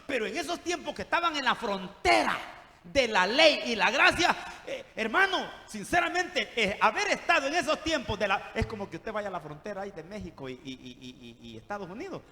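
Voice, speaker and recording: A man from El Salvador with a Salvadoran Spanish accent, preaching an animated, jokey sermon and calling his listeners brother. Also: high voice, a little fast, in a large hall.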